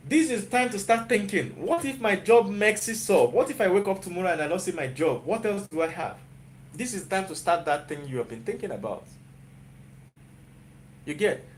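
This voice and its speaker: In a high voice with a little hiss or hum behind it, a YouTuber and software developer with a Nigerian accent encourages the viewers of his live stream. His pep talk is motivational and repetitive. He checks in over and over with "you get?"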